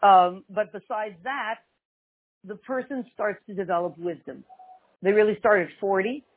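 A woman's voice: mid-range voice, normal speed, husky, no room sound. An older woman giving an informal religious lesson, conversational and wryly joking, repeating phrases for emphasis. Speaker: religious teacher and class host. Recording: tinny, narrow phone-like sound.

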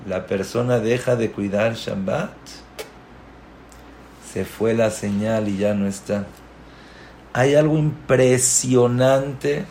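A man's voice: mid-range voice, slow, pauses often, a little mellow, a little hiss or hum. A man teaching a sermon, telling a story and repeating key words with rising emphasis. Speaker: rabbi teaching a Torah class.

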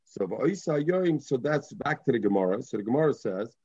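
A man's voice: mid-range voice, animated, fairly quick, dark tone, breathy edge, lo-fi sound. A man with a Yiddish-inflected accent teaching an informal Talmud lesson, reading and explaining, often repeating and restating phrases. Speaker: religious teacher.

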